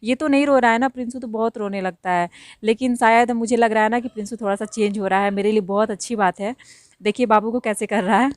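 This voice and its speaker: A woman chatting through a casual vlog in a village home, narrating with gentle laughs. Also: on the high side, steady tone, fast talker, slight background noise. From India. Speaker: vlogger.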